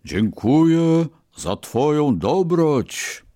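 A man voicing a frail old male beggar with a weak, trembling voice, pleading slowly in a storybook reading. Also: on the high side, sing-song, dark tone, no echo, clean studio sound, voice pushed up, full character voice. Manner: slow, pleading, plaintive.

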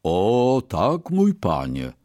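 A man voicing a loyal, gentle ox in a read-aloud storybook, speaking softly and slowly. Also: low-pitched, wildly swooping pitch, breathy edge, exaggerated voice. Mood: calm. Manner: soft, slow, reassuring. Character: gentle strong male ox, loyal and calm.

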